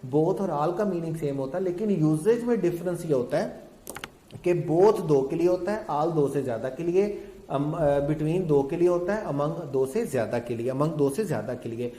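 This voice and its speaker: A male grammar teacher, lecturing in a mellow, slightly high voice. He poses questions to his students and answers them himself, calling them children. The room around him is echoey. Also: normal speed. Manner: explains in a mix of Urdu-Hindi and English terms, asks and answers his own questions. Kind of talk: recorded classroom lecture.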